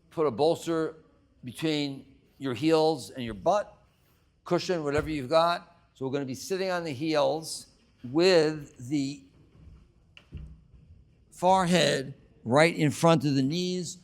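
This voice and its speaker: Slow-paced male breathwork instructor. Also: fairly high pitch. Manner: measured, short phrases with long pauses. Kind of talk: guided exercise instruction.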